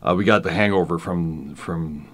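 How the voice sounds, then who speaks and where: Thoughtful and given to frequent pauses and restarts, an Argentine professor in his fifties who was raised in Venezuela appears as a guest on a casual podcast interview. His Venezuelan-accented Spanish comes in a voice that sits low yet has a fairly bright tone.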